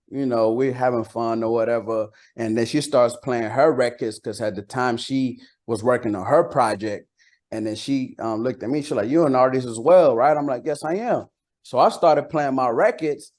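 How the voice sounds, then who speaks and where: A Costa Rican man whose native language is Spanish speaks as a rapper in a laid-back interview chat. His voice is mid-range for a man, his pace moderate, and he leans on slang and repeats words for emphasis.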